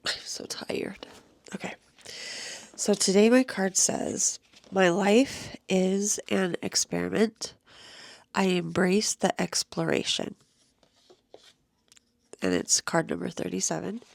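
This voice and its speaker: A woman's voice: medium pitch, dry recording. A tired, sleepless middle-aged woman with a crackly voice, talking casually in a personal vlog and reading a card aloud, sometimes sinking into a whisper. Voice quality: crackly, gravelly voice. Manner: tired, slow, at times dropping to a whisper. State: exhausted and sleepless. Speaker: vlogger.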